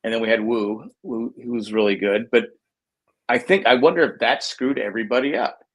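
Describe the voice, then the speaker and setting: A man's voice: medium pitch, brisk, low-quality recording. A man co-hosting a baseball podcast, rambling and repeating words as he vents like a frustrated fan. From United States. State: has the hiccups. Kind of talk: casual sports chat.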